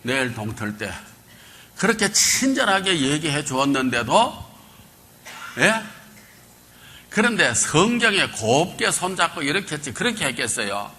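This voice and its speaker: A male pastor giving a Bible lecture, quizzing his congregation and calling for answers, swinging between loud bursts and quiet asides. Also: a little high, big pitch swings, unhurried, pauses often, slight background noise. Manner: quizzes the congregation, call and response.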